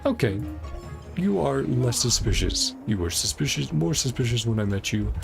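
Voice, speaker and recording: Over music, a gaming content creator works through a story quest, reading game text aloud and wondering to himself about what's happening. His mid-range voice is expressive with some vocal fry, and he speaks at a moderate pace in this casual playthrough commentary.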